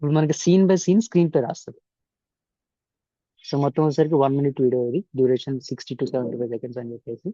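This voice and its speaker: Speaking fast in a steady, mellow, mid-range voice, a Telugu-accented man narrates a casual software tutorial over a screen recording indoors. He shifts between Telugu and English within sentences and repeats his instructions step by step. The audio has no echo but sounds dull.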